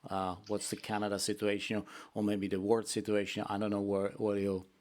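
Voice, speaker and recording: A man hosting a radio interview over a video call, talking in a halting way with many restarts and a slight American accent. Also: lowish voice, monotone, darkish tone. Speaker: radio host. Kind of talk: casual interview.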